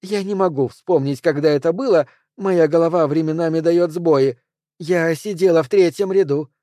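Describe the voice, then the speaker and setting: A man voicing a shrill unhinged woman. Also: normal speed, a little mellow, dry recording, clean studio sound, lightly acted. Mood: excited. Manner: shrill, emotional outbursts. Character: agitated unstable southern woman with a gun.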